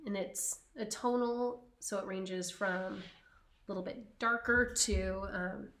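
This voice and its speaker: A woman co-hosting a podcast, chatting casually and slowly about her knitting with frequent ums. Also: mid-range voice, steady tone, fairly bright tone, roomy sound. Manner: slow, chatty, many ums. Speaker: podcast co-host.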